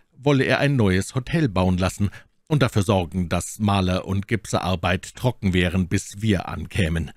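A man reading a classic travel story aloud as an audiobook narrator, in a measured, dry storytelling manner. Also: deep voice, no room sound. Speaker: audiobook reader.

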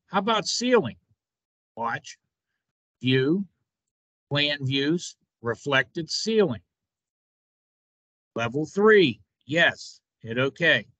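A man in his fifties, an instructor talking through a screen-recorded software tutorial in an informal step-by-step way, sitting at a desk in a small room. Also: on the high side, no echo, dull audio.

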